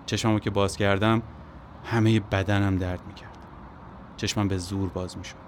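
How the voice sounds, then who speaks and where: A man telling a first-person story in a quiet, measured, brooding way. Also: lowish voice, flat delivery, a little hiss or hum.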